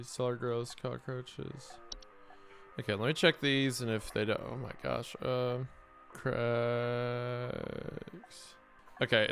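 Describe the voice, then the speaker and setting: A man's voice: mid-range voice, gravelly, fairly bright tone. A man doing casual let's-play commentary, muttering reactions and reading game text aloud. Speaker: gaming video host.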